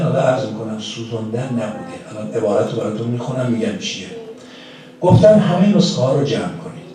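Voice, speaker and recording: A man's voice: medium pitch, warm tone. A man with a Persian accent giving a religious lecture in a community center hall, explaining points step by step and putting rhetorical questions to the audience. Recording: distant mic in a very echoey hall.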